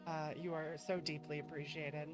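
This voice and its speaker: A woman with a deep voice and level tone talks at a moderate pace over music. She's hosting a live stream, chatting casually and thanking her viewers with warm, effusive affection.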